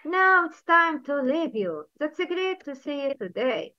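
A woman teaching tajweed, reciting Quran slowly and drawing out words for her learners to repeat. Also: sits high, very animated, muffled recording.

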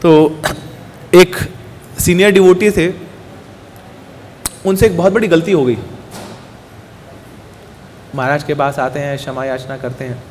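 High-pitched guy telling temple stories, acts out the quotes, echoey hall. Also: unhurried, pauses often, slight background noise. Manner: animated storytelling, acting out the guru's quoted words, mixing Hindi and English. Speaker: temple speaker. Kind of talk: devotional storytelling talk.

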